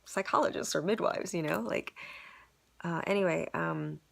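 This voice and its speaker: Woman thinking out loud, low voice with a bit of fry, casual and wandering. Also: moderate pace. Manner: rambling, full of "like" and "you know", self-searching. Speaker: storyteller reflecting on a performance. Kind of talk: casual confessional monologue.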